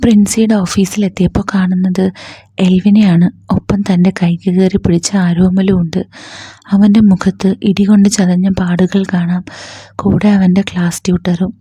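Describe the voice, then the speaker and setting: A woman narrating a romantic story in a soft, partly whispered reading voice. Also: on the low side, level tone, moderate pace, husky, dry recording.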